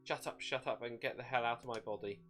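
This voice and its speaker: A terse, defiant young woman in anguish, read by a man. The voice sits at a medium pitch in a dramatic story, with music behind it. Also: steady tone, fast, sharp tone, natural voice. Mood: angry.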